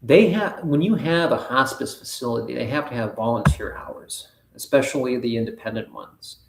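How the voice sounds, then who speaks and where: A man hosting a live spiritual talk, speaking in an earnest, halting, rambling way. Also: medium pitch, creaky, echoey room, slight background noise. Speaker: spiritual livestream host.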